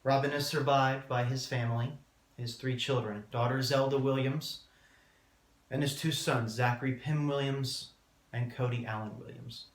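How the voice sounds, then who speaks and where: A man's voice: mid-range voice, steady tone, normal speed. Man giving a solemn eulogy, roomy echo. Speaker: student speaker giving a eulogy. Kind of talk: prepared eulogy speech. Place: indoor room, public speaking class. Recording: roomy, echoing room sound.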